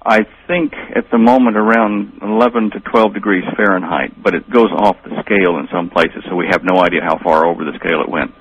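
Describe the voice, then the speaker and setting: A man's voice: deep voice, fairly even intonation, a little fast, few pauses, a little hiss or hum. A man speaking as a guest expert on a radio show over a long-distance phone line, rambling with many fillers.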